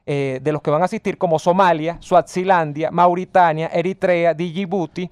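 A man's voice: a little high, steady tone, normal speed, darkish tone, clear, resonant tone, dry recording. A man co-hosting a radio talk show, reading listener messages and giving political commentary that builds in emphasis. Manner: reads listener messages, then argues at length with rising emphasis. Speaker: radio co-host.

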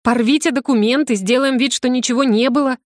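Young student heroine, flustered and defiant, lifted high voice, dry close sound; a woman reader puts her on. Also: fairly quick, no echo, close to an everyday voice. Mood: indignant. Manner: high, exclaiming, argumentative. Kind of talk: audiobook character voice.

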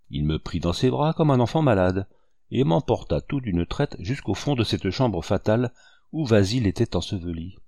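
Low-voiced male audiobook narrator. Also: a little mellow, no room sound, clean studio sound.

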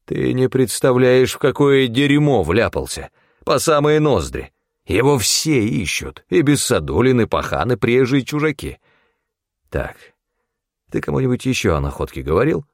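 A man's voice: fairly low pitch, huge pitch swings, normal speed, gravelly, dry recording, studio quality, full character voice. A man voicing a wary, bossy old mentor who scolds in blunt, folksy talk. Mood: alarmed, hushed. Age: older.

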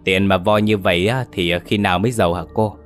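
Old woman street vendor in a ghost story, panicky and pleading, read by a deep-voiced man. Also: steady tone, fast talker, faint music behind, natural voice. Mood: chatty. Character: frightened old woman cake seller.

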